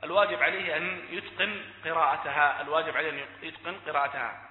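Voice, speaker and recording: A man's voice: fairly high pitch, fairly even intonation, fast talker. A man, a religious scholar, giving a lesson, explaining point by point, repeating key phrases and checking that listeners follow. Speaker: Islamic scholar teaching. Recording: echoey hall, tinny phone-like sound.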